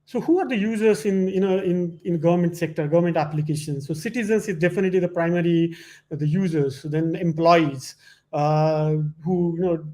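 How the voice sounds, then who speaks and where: A man giving an informal slide presentation, speaking in halting, repetitive phrases with many verbal fillers. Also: a little high, a little mellow. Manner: hesitant, halting phrasing with frequent repetition and "you know".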